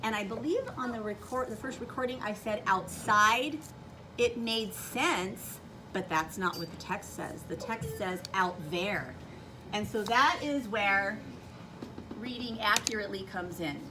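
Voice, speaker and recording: In an unhurried, medium-pitched voice, a woman teacher gives children an instructive demonstration, reasoning aloud step by step. The noisy classroom is recorded from a distance, with room noise and children chattering around her.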